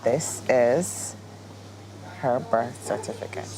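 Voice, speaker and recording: Deep gravelly Jamaican woman historian. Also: background noise. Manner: measured, informative. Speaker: social historian. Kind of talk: explaining documents.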